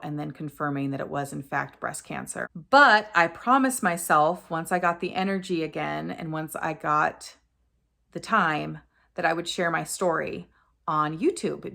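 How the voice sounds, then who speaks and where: A woman in her forties talks straight to the camera in an earnest, candid way. Her voice sits on the low side and has a gravelly fry. She often stops to correct herself mid-sentence. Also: fairly bright tone. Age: 40s. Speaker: vlogger sharing a personal story. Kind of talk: casual personal storytelling to camera.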